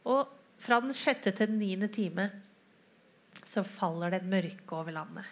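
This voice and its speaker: A woman's voice: mid-range voice, animated. A woman preacher retelling a scripture story in a sermon, with asides to the listeners and quoted lines acted out in a raised voice.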